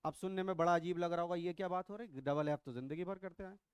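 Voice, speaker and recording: Middle-aged male biology teacher, high smooth voice, playful and quizzing. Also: fairly even intonation, fast talker, no room sound. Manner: teasing, quizzing students, mixes English into Hindi. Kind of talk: classroom lecture. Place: classroom.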